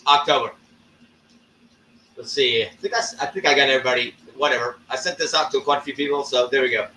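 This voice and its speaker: A man hosting a live stream, talking casually and ranting with lots of swearing and drawn-out fillers. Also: on the high side, pushed and bright, far from the mic, slight background noise. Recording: echoey room, off-mic.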